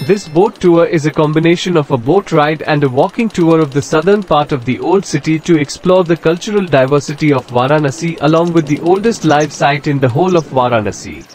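A man giving a scripted travel narration in an even, informative guidebook manner. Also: a little high, brisk, few pauses, a little hiss or hum. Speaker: travel vlogger.

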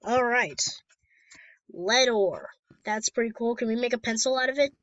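A young woman chatting casually as she plays through a video game, giggly and quick to burst into dramatic outbursts. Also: fairly high pitch, fairly bright tone, muffled recording. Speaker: gaming YouTuber. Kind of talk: casual let's-play commentary.

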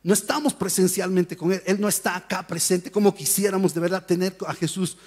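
A male pastor preaching a sermon in a church, telling Bible stories in a lively way and acting out the voices of the people in them. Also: high-pitched, fairly quick, long reverb tail. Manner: animated storytelling, acts out voices and shouts. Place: church hall.

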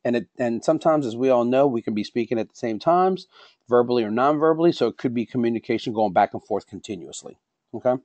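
A middle-aged man teaching an online safety class. He talks fast and tags his points with "right?" and "okay?". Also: mid-range voice, a little mellow, no echo. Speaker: safety trainer.

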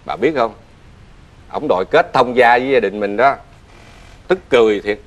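A man's voice: mid-range voice, moderate pace, lightly acted. An actor with a Southern Vietnamese accent playing a proud, stern rich father in a cartoon fairy tale. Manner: stern, grumbling, later wailing. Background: music.

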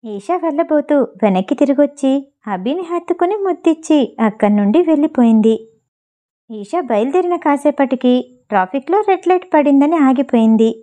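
A woman's voice: sits high, lively intonation, moderate pace, mellow. A young woman narrating a romance story expressively, acting out the heroine's angry lines herself.

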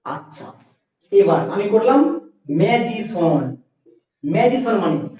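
A teacher giving a spelling and pronunciation lesson, patient and repeating words slowly for students. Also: mid-range voice, animated, dark tone, very echoey, distant mic, rough recording.

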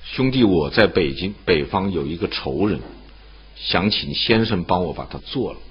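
A man's voice: deep voice, lively intonation, normal speed, highs cut off, a little hiss or hum, voice pushed down. A man voicing a shrewd old male philosopher who needles his listener with rhetorical questions. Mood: deadpan.

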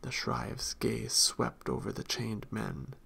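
A man reading a fantasy novel aloud in a soft-spoken voice that often drops into whispers. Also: fairly low pitch, animated, takes it slowly, creaky, husky. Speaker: audiobook reader.

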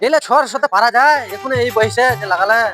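Woman doing a bossy dad hurrying everyone, high and quick. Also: a bit bright, faint music behind, natural voice. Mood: grumbling. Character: stern, bossy father dragging his son around.

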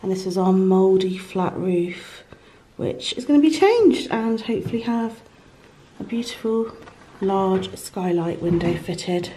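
A woman's voice: mid-range voice, lively intonation, a little slow, dark tone, slight background noise, rough recording. A British woman in her thirties chatting casually to a handheld camera as she shows a house renovation. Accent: British English. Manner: chatty, talking to camera while walking around. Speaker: vlogger. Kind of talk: casual vlog chat. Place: house under renovation, indoors. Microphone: handheld camera at arm's length.

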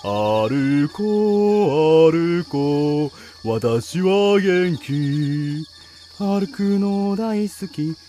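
A man commentating on a horror game, crying out hard in fright, screaming and shouting in panic. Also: on the high side, animated, very slow, faint music behind. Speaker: video game player and commentator.

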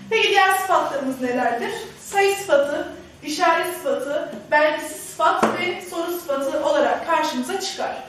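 A woman's voice: very high-pitched, a bit bright, far from the mic. A woman teacher giving a classroom grammar lesson, who keeps addressing her students and asks and answers her own questions. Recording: very echoey room, voice off-mic, faint noise.

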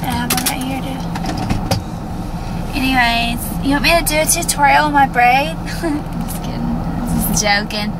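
A woman's voice: sits high, a little slow. A woman, chatting casually and playfully to a vlog camera. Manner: playful, silly wordplay. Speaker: vlogger. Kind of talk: casual chat. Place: inside a car. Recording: loud car noise on camcorder.

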